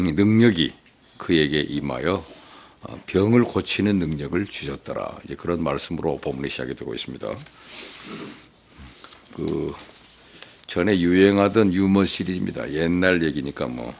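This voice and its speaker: A man's voice: deep voice, creaky. A male pastor preaching a sermon, telling folksy dialect jokes to make his point. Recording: dull lo-fi recording.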